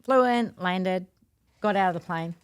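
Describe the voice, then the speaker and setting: A woman's voice: fairly low pitch, measured pace. A woman in her thirties from New Zealand with a New Zealand accent, a guest chatting on a podcast and telling stories with a laugh. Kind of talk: casual chat.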